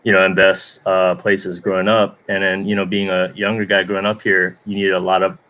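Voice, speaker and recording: A man's voice: deep voice, little pitch movement, a little fast, sharp tone. A man from Hawaii, a regular on the show, chatting in an easygoing way with lots of "you know". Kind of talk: casual chat.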